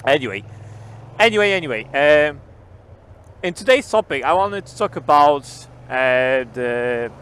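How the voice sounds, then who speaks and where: A man's voice: mid-range voice, a bit bright. A man vlogging while riding a motorcycle through city traffic, talking inside his helmet into a helmet mic in a rambling, casual way with frequent swearing. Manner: rambling, swears casually, repeats key words.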